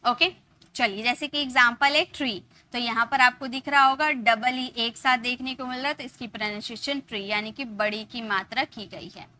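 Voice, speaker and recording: High bright-voiced woman teaching phonics. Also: steady tone, moderate pace. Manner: explains step by step, spells letters aloud, often says "okay". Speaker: English teacher. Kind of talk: casual teaching lesson.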